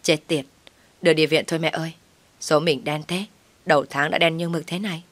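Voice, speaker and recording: A woman voicing a flustered young husband who talks in a hurried way. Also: sits low, steady tone, no echo.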